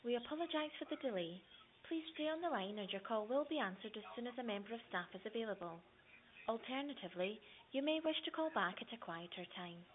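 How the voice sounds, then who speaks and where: A woman reading a recorded phone menu announcement in a calm, measured, formal way. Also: fairly high pitch, over loud music. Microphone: phone line playback. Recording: tinny phone line.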